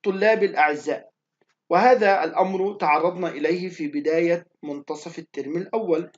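Male teacher, high voice, patiently repeats and stretches sounds for students; muffled lo-fi recording. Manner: repeats definitions slowly, drawing out letters. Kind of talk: recorded online lesson.

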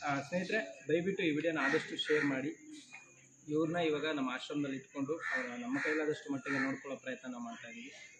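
A man's voice: fairly high pitch, steady tone, fast, reverberant, very noisy. A man running a shelter, making an earnest live video appeal and repeating his requests. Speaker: shelter founder.

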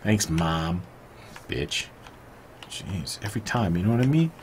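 A man's voice: sits low, big pitch swings, a little slow, a little hiss or hum. A man casually commenting while playing a video game, crude, joking and sarcastic. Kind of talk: let's play commentary.

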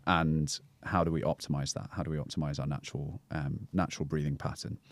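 A calm man with a very deep voice, a breathwork guide appearing as a podcast guest, explains things in casual interview talk, considered and measured. He speaks into a boom-arm studio mic on a small studio lounge set.

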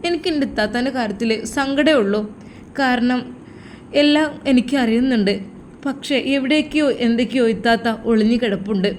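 A woman's voice: on the high side, fairly quick, slight background noise, natural voice. A woman voicing a caring younger sister who talks earnestly and coaxes her sibling. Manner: earnest, coaxing.

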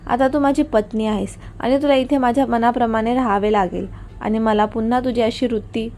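A woman's voice: on the high side, steady tone, fairly quick, darkish tone, a little hiss or hum, natural voice. A woman voicing an arrogant, domineering rich young husband in a storybook reading, with cold, commanding scorn. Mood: harsh.

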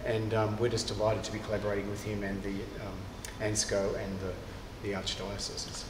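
A man, a cathedral's director of music, answering interview questions thoughtfully with many pauses and restarts. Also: lowish voice, monotone. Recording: echoey cathedral with long reverb and clear background noise.

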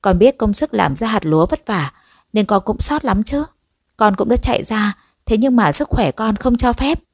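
A woman voicing a gentle, polite pregnant young wife in a storybook reading. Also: mid-range voice, lively intonation, normal speed, no room sound, studio quality, pitched above the performer's own voice. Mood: aggrieved. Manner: soft, pleading, polite.

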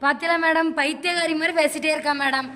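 A woman's voice: high voice, steady tone, quick pace, pushed and bright. Woman playing a nagging, complaining mother. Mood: exasperated. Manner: exasperated, complaining, keeps saying madam. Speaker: mother at counseling. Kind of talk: amateur comedy stage acting.

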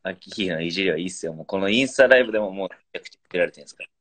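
A man's voice: sits low, very fast, fairly bright tone. A man in his thirties hosting a casual live stream, reading out viewer comments and teasing his guest. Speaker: pro footballer, live-stream host.

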